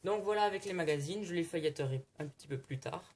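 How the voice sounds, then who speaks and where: A man's voice: fairly high pitch, quick pace, darkish tone. A man casually narrating as he opens card packs and flips through magazines, keeping up a chatty running commentary. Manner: chatty running commentary while flipping pages. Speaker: card-opening vlogger. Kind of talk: casual unboxing chat.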